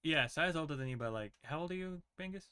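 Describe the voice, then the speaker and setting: A man's voice: a little high, animated, fast talker, bright, forceful tone, clean tone. A man acting as game master, chatting loosely and joking with his players during a break. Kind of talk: casual chat between game sessions.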